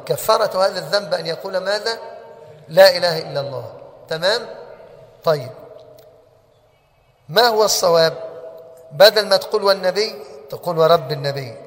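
Guy giving a religious lesson, kinda high voice, lots of reverb like a big hall, keeps asking the crowd questions. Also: a bit bright. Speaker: religious teacher.

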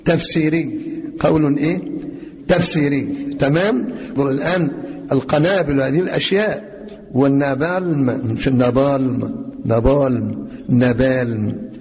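Egyptian guy teaching religion, bit high voice, keeps checking you got it, big echoey hall. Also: normal speed. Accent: Egyptian Arabic. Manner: quizzes listeners with rhetorical questions. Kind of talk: lecture on Quran commentary. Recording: long reverb, faint noise.

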